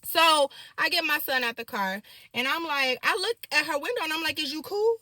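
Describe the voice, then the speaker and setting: A woman in her thirties telling viewers a personal story in a casual, animated way, talking straight to her audience. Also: sits high, fairly quick, dry recording, clean studio sound. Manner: animated, direct address to the audience.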